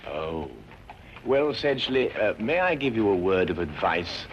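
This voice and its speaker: An actor playing a sharp, aloof male detective in a TV drama, speaking in a dry, dismissive way. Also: fairly low pitch, sing-song, unhurried, slight background noise. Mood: mocking. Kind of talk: TV drama acting. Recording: dull lo-fi TV soundtrack. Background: music.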